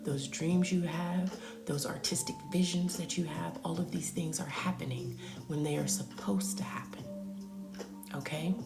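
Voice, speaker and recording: A woman's voice: fairly low pitch, vocal fry. A woman doing a live spiritual reading for viewers, soothing and affirming, often half-whispering and calling them pet names. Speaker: spiritual reader on a live stream. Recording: echoey room with music behind.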